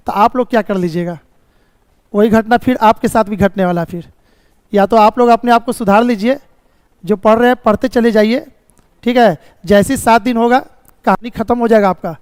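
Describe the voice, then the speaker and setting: High-voiced reasoning teacher, smooth tone. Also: male voice, no echo, long reverb tail. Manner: explains step by step with frequent check questions; scolding students over the course. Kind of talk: live online class lecture.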